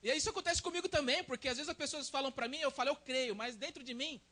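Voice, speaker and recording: A young man with a Brazilian Portuguese accent preaches a sermon. His voice sits very high and sounds bright and forceful. He talks like a friendly conversation and keeps checking in with "né?". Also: fast talker. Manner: conversational, tags sentences with "né?".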